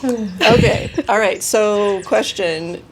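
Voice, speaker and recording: A middle-aged woman hosting an interview, brisk and asking follow-up questions. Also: medium pitch, slight background noise. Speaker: podcast host, therapist and educator. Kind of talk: casual podcast interview.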